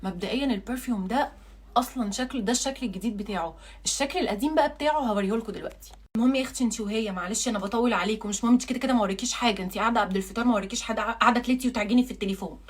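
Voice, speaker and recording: Egyptian girl hyping perfumes super fast, kinda high voice, keeps repeating herself, joking around. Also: husky. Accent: Egyptian Arabic. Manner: animated, repeats words for emphasis, jokey. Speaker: beauty blogger reviewing perfumes. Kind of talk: casual sales vlog.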